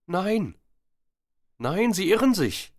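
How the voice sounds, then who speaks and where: A man's voice: big pitch swings, slow pace, full character voice. A man doing a frightened young woman. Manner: high, strained, pleading.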